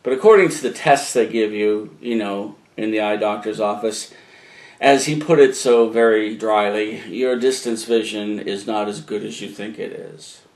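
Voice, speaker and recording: A man's voice: fairly low pitch, normal speed, a little mellow. A man with a New England accent talking casually to a camcorder at home, rambling and chatty with lots of fillers and asides. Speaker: musician video blogger. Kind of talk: casual talk to camera. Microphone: camcorder microphone. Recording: roomy echoey room.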